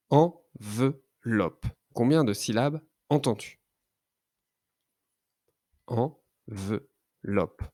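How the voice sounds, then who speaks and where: A man teaching a child to read, sounding out letters and syllables slowly and carefully. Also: mid-range voice, dark tone, dry recording, studio quality. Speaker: reading teacher. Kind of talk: children's phonics lesson.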